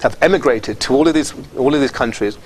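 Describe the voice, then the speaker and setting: A middle-aged man answering interview questions, earnest and halting, often repeating words. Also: mid-range voice, slight background noise, poor audio. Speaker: football association official.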